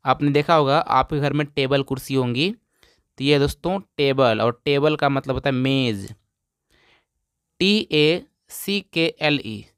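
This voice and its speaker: Slow, clear male teacher. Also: fairly high pitch, a bit bright, no echo, studio quality. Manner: spells out letters slowly, repeats words for students. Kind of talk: phonics lesson.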